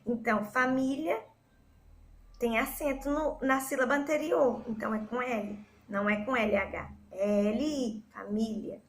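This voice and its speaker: A Brazilian woman teaching a recorded school lesson, patiently repeating words slowly to explain a spelling rule. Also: on the high side. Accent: Brazilian Portuguese.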